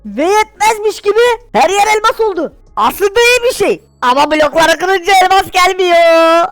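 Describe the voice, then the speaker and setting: A woman voicing a panicky village woman in a Minecraft role-play video, telling her news in a hurried, tearful rush. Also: very high-pitched, lively intonation, a bit bright. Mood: panicked. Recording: faint music under the voice.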